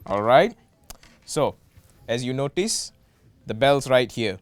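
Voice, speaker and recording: A man's voice: mid-range voice, expressive, slow pace, clear, resonant tone. A young man hosting a student game show, playful with jokey asides. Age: young adult.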